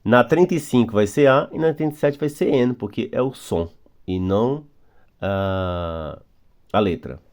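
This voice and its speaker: A Brazilian man teaching an English grammar class to beginners. His voice moves lively up and down as he patiently repeats and spells out words, slowing down so students can follow. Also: fairly low pitch. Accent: Brazilian Portuguese. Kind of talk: recorded grammar lesson for beginners.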